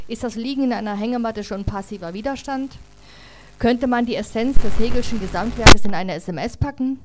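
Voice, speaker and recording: A woman reads a story aloud to listeners in a relaxed, chatty manner. She breaks off now and then with fillers. Her pitch sits mid-range for a woman. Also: noisy background. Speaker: reader. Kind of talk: casual reading aloud to an audience.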